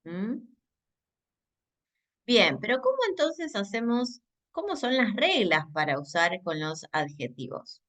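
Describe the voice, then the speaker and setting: Slow, bright-voiced teacher woman. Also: mid-range voice, very animated. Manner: slow, deliberate explanations with frequent checking "¿sí?". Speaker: English teacher. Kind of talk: recorded grammar lesson.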